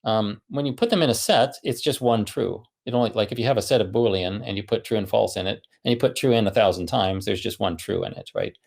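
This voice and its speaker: A man's voice: lowish voice, fast, vocal fry, few pauses, a little mellow. A man giving a technical conference talk, thinking aloud with many fillers and restarts. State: running out of breath. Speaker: conference speaker.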